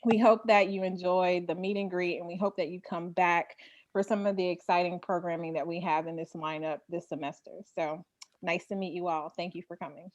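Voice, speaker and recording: Woman, staff, welcoming, lowish voice, dry dull audio. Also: steady tone, brisk, no echo. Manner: warm, welcoming. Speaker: staff member. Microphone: video call.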